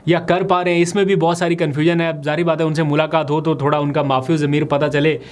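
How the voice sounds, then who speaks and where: A man walks through the day's political news in a brisk, analytical vlog commentary. His voice sits a little higher than most men's, and he explains each point in a steady, matter-of-fact way. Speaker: political vlogger.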